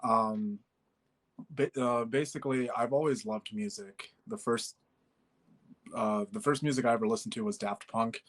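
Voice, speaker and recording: A man's voice: mid-range voice, moderate pace. A man in his twenties from Bangladesh, a musician guest chatting casually in an interview, with many fillers and easy laughs. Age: 20s.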